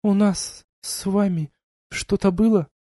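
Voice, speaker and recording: A man's voice: high-pitched, fairly even intonation, slow, mellow, no echo, clean studio sound, pitched above the performer's own voice. A man reading an audiobook, voicing a confused, ashamed young woman crew member in a raised voice. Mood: weak, uneasy.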